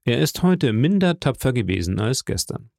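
A man's voice: medium pitch, big pitch swings, moderate pace, gravelly, darkish tone, dry recording, clean studio sound. A man voicing an earnest, heartfelt young army captain.

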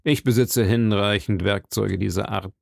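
A man's voice: lowish voice, fairly even intonation, moderate pace, gravelly, no echo, clean studio sound. Man reading as a haughty English nobleman.

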